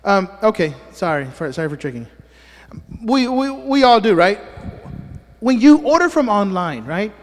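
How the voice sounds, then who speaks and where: In a church sanctuary that sounds like a large hall, a high-voiced man delivers a sermon at normal speed with big pitch swings. As pastor and a native Spanish speaker, he teases his congregation with jokes and keeps checking in with "amen?"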